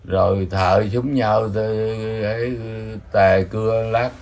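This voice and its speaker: An older man with a Southern Vietnamese accent, telling old village stories in a rambling, animated way, chuckling now and then. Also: on the low side, slow pace. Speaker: elder storyteller. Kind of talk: casual storytelling.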